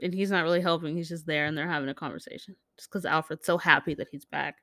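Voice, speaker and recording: A woman's voice: deep voice, steady tone, fast, fairly bright tone, no room sound, studio quality. A woman hosting a podcast, reading fan comments in a loose, casual chat, swearing freely and laughing often. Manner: acts out quoted characters in jumped-up voices. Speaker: podcast host.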